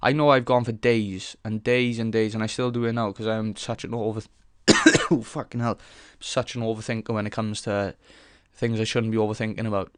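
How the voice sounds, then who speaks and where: A man's voice: fairly low pitch, little pitch movement, fairly quick, hardly any pauses, clean tone, no echo, clean studio sound. A young man hosting a casual solo podcast, rambling frankly with lots of swearing, fillers and restarts as he thinks aloud. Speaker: podcast host.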